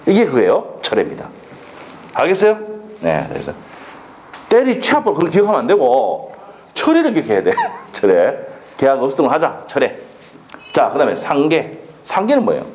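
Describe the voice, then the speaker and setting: Law lecturer, male, exam-prep style, pitch leaping all over, rhetorical questions, faint background noise. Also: brisk. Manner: lively, quizzing students with rhetorical questions; slips into blunt local dialect jokes.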